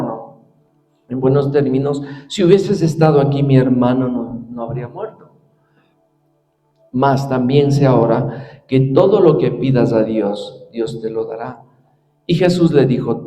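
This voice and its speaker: Older male preacher, very dark tone, scripture reading and personal reflection, roomy echo. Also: medium pitch, animated, unhurried, faint music behind. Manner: reads scripture then reflects personally, with frequent rhetorical "¿no?". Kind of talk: sermon.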